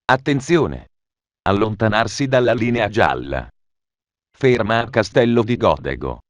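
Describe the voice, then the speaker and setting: A man's voice making automated train station announcements, formal and measured, with phrases stitched together. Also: fairly low pitch, lively intonation, no room sound.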